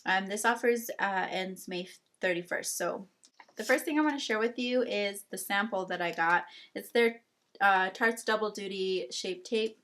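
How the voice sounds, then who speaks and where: A young adult woman chats casually through a beauty product haul for her channel. She talks in a relaxed, rambling way, often reaching for "um" and "like". Her voice sits at an ordinary middle pitch for a woman. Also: normal speed. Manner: chatty, with many fillers like "um" and "like". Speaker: beauty vlogger.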